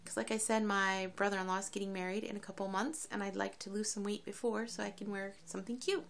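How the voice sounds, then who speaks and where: A chatty woman talks to camera for her daily diet vlog, rambling along quickly with plenty of fillers. Her voice sits at an ordinary middle pitch but carries a noticeable gravelly fry. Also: fairly even intonation, slight background noise. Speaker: vlogger keeping a daily diet diary. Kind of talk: casual chat to camera.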